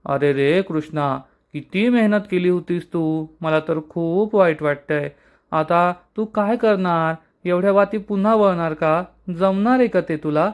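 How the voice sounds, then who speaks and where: A man's voice: sits high, measured pace, smooth. A man voicing a scheming, shameless young woman in a retold TV serial scene, who feigns innocence and snaps back in indignant denial. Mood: mock sympathy.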